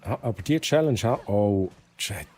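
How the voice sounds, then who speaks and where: A man's voice: lowish voice, lively intonation, moderate pace, dark tone, faint music behind. A man with a Swiss German accent streaming a game, chatting casually with viewers, laughing often and reading the game's text aloud. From Switzerland. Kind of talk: casual gameplay commentary.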